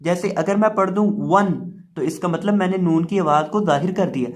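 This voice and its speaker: Man, high voice, Quran teacher, tajweed lesson, patient explanations, repeated examples, slow chanted demonstrations.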